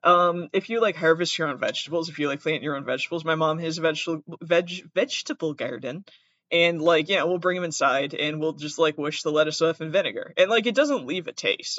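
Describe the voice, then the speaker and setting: This solo comedic trivia reading comes from a podcast host with a Massachusetts accent who rambles and interrupts himself with jokes. He speaks in a slightly high, bright, forceful voice, recorded close-mic with a dull, dry sound and no echo.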